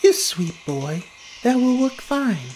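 A sweet-sounding enchanted golden harp from a storybook, her female voice lifted well above the reader's usual pitch, put on by the storyteller. She speaks gently and softly, with a lilting, lively rise and fall. A faint hiss sits under the voice. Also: slow pace, rough recording. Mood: kind. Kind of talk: storybook character voice.

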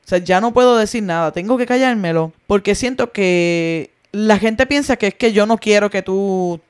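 Woman, podcast co-host, casual chat, mid pitch, questioning, example-driven. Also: normal speed, a little mellow, smooth. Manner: questioning, talks through examples.

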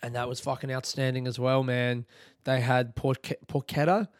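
A man's voice: medium pitch, flat delivery, moderate pace, no room sound, studio quality. A young Australian man hosting a casual solo podcast, rambling and swearing with enthusiasm. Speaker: podcast host.

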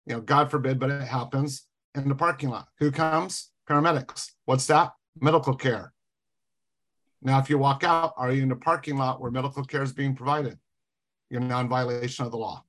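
A man's voice: medium pitch, fairly even intonation, moderate pace, a bit bright. Man, casual chat, explaining, sarcastic edge.

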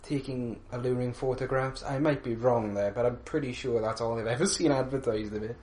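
A man's voice: medium pitch, fairly quick, a little mellow. A man co-hosting a casual podcast chat, speaking hesitantly with many restarts. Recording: echoey room.

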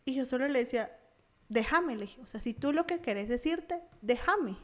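A woman's voice: sits high, moderate pace. A young woman from Guatemala with a Guatemalan Spanish accent, telling a personal story as a podcast guest and acting out the voices of the people in it. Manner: animated, acts out quoted voices. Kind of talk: casual storytelling.

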